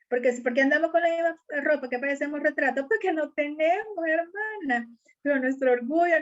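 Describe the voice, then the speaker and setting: A woman giving an earnest, conversational sermon and addressing her listeners as sisters. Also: high-pitched. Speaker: preacher at a women's church meeting. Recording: dull lo-fi recording.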